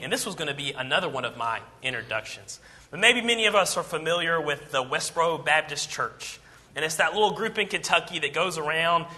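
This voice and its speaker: A man preaching a sermon in a church, earnest, reading scripture slowly and acting out angry inner voices. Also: sits high, bright, forceful tone. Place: church auditorium.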